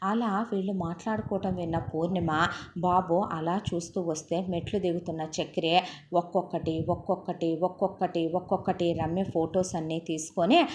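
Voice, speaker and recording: A woman's voice: on the low side, fairly even intonation, moderate pace, a little mellow, slight background noise. Woman telling a family story. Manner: conversational, dramatic retelling. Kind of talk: storytelling narration.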